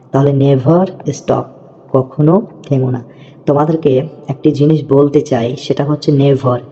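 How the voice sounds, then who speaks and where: A man teaching English phrases in a slow, patient lesson, repeating words and checking that his students follow. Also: fairly high pitch, mellow. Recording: dull lo-fi audio with long reverb.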